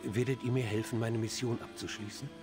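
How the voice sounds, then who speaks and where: A man playing an anxious, devout dark-elf priest in a fantasy game, speaking formally and earnestly. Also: mid-range voice, fairly even intonation, a little fast, music in the background, natural voice. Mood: hopeful, pleading. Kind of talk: fantasy game dialogue acting.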